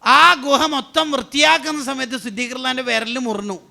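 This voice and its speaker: Preacher guy, high gravelly voice, bright, asks questions then answers em, loud then hushed. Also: fast. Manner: asks rhetorical questions and answers them himself; swings between loud urging and low intimate tones. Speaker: Islamic preacher. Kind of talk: sermon.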